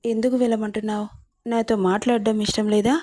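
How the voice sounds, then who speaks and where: A woman voicing a remorseful young man who pleads gently in a storybook reading. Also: a little high, flat delivery, fast, lightly acted. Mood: pleading.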